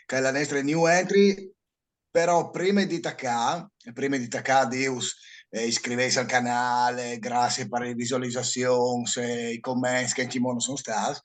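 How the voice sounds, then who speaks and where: A man with a Friulian accent hosting a casual football chat in an informal, rambling way. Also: medium pitch. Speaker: podcast host.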